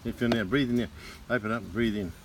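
A man's voice: medium pitch, steady tone, quick pace. Teasing Australian man, noisy outdoor recording. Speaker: challenge host behind the camera. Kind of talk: casual chat. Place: outdoors in a backyard garden.

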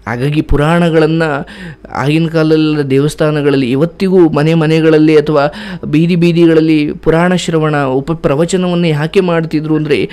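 A man's voice: fairly high pitch, steady tone, moderate pace, darkish tone, smooth. A man giving spiritual advice as a host, earnest and preachy, ending with blessings. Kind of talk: advice talk.

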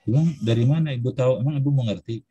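A man's voice: medium pitch, rapid-fire, mellow, dull audio, a little hiss or hum. A man telling a story while teaching an Arabic class, acting out the dialogue.

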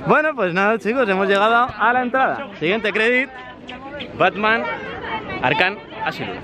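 A man's voice: sits high, lively intonation, normal speed. A man from Spain with a Spanish accent, vlogging casually while walking around an outdoor theme park, chatty and joking. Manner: chatty, jokey, walking commentary. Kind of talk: casual vlog walkthrough. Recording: loud music and crowd outdoors. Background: park music and crowd.

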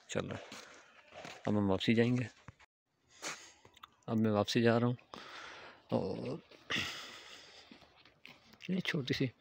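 A man's voice: fairly low pitch, vocal fry. Young male travel vlogger, walking outdoors, explains patiently with fillers, handheld phone audio, faint background hiss. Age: young adult. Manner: explains step by step, frequent filler pauses. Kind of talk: casual walking vlog narration. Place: outdoors on a hillside village road. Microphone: phone camera held at arm's length. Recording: faint outdoor ambient noise.

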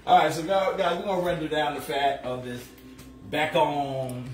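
A man's voice: on the high side, moderate pace, recorded from a distance, a crowd in the background. A middle-aged man hosting a casual cooking livestream, joking and chatting as he cooks in his home kitchen. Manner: relaxed, joking, talks while cooking. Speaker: home cook and show host. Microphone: phone camera across the kitchen. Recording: echoey kitchen with loud sizzling. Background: frying and stirring sounds.

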